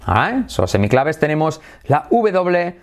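A man teaching English in a bilingual lesson, drilling phrases slowly with lots of repetition and switching between Spanish and English. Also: a little high, very animated.

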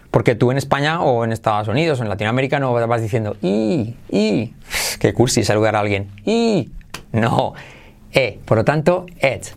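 A man hosting a podcast pronunciation lesson, energetic and drilling each word by slow repetition. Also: on the high side. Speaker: English pronunciation teacher, podcast host.

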